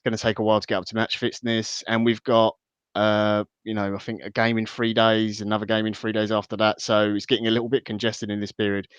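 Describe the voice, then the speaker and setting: A man with a smooth, fairly low voice talks through a football match as a guest. He is measured and a little hesitant, and the audio is dry and slightly dull. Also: little pitch movement, no room sound. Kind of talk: casual match analysis.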